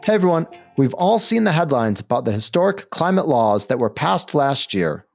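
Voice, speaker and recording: Lively upbeat male podcast host. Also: fairly high pitch, normal speed, gravelly, soft background music. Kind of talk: scripted podcast intro and interview questions.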